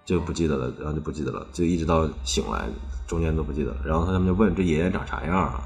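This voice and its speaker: Very deep-voiced man telling a rambling tale. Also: very fast, gravelly, soft background music. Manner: rambling, strings clauses with "then" and repeats phrases. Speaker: storyteller on a ghost-story podcast. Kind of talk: casual chat storytelling.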